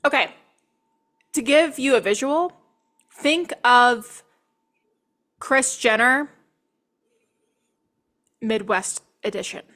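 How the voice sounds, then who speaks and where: A woman's voice: fairly high pitch, animated, slow pace, pauses often, fairly bright tone. A young woman co-hosting a podcast, chatting casually with teasing asides. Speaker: podcast co-host. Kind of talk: casual chat.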